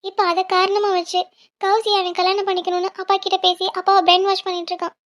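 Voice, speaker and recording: A woman voicing a quick-tempered young female student, sharp and worried for her family. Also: very high voice, flat delivery, pitched above the performer's own voice.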